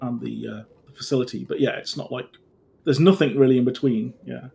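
A man's voice: mid-range voice, a little fast, gravelly, dark tone. A man narrating a tabletop horror game as game master, reading out a briefing and then explaining loosely with many fillers.

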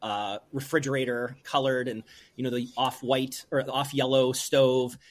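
A man from rural Pennsylvania, a brewery owner, telling a personal story in an interview in an earnest, halting way full of restarts. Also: mid-range voice, little pitch movement.

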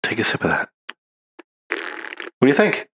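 A relaxed man co-hosting a podcast over a beer. He talks in an easygoing way, teasing his co-host and hyping her up between jokes. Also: on the low side, measured pace. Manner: relaxed, teasing, drinking beer while recording. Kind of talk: casual chat.

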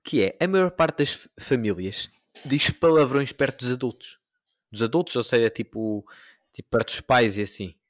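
Young man, European Portuguese accent, casual podcast storyteller who acts out scenes and jumps into loud, high exclamations; dry close-miked sound, mid-pitched voice. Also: normal speed, dry recording. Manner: animated storytelling, mimics voices, rising into outbursts. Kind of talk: casual chat.

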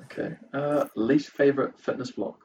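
A man's voice: medium pitch, steady tone, moderate pace, a little mellow. A man with a New Zealand accent interviewing as a podcast host in casual, slangy, hesitant phrasing. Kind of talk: casual chat. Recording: dull, distant mic with faint noise.

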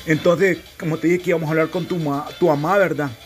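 A man playing an old grandfather with a Salvadoran accent, gruffly teasing his grandson and calling him a fool with affection. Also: a little high, fairly even intonation, quick pace, soft background music, natural voice. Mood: gruff tender.

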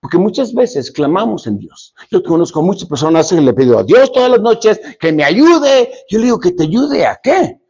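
Male motivational speaker, dramatic loud-soft delivery, slightly high voice, muffled lo-fi sound. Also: very animated, moderate pace, hardly any pauses, breathy edge. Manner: dramatic, swings between loud emphasis and soft low lines. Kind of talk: motivational speech. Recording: dull lo-fi recording.

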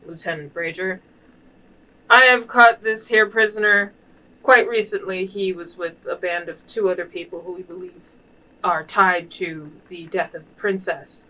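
A woman playing a stern, self-important dwarven general in a tabletop game, speaking formally and deliberately. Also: lowish voice, steady tone, sharp tone, recorded from a distance, poor audio. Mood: formal, firm. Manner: deliberate, formal, pulling rank.

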